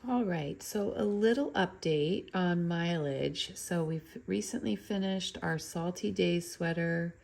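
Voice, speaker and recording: A middle-aged woman talks casually to her viewers, her voice nasal and stuffy from blocked sinuses. Her voice sits fairly low and has a gravelly fry running through it. She rambles, filling gaps with ums and restarting her sentences. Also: takes it slowly, hardly any pauses, darkish tone. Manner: rambling, chatty, with many ums and self-corrections. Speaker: knitting channel host.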